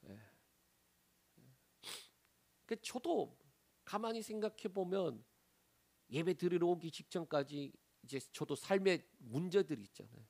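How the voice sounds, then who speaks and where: A man's voice: a little high, measured pace, creaky, pauses often. A male pastor delivering a sermon, acting out whispered prayers and raised complaints to make his point. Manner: animated, acts out prayers in a hushed whisper, then bursts into raised complaint.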